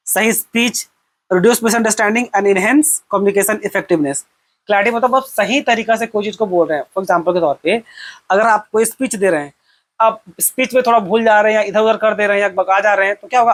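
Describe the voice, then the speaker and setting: A man's voice: high-pitched, a bit bright. Chatty young male exam-prep teacher. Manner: conversational, asks and answers his own questions.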